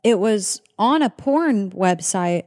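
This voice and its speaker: A woman's voice: medium pitch, animated, slow pace, mellow. Candid, chatty woman podcast host. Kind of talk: casual chat.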